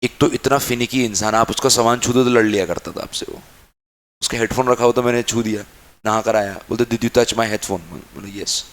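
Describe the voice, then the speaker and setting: A man's voice: medium pitch, steady tone, fairly quick. A young man teaching a class, calling students child and dear, and acting out their questions back and forth. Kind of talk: classroom lecture.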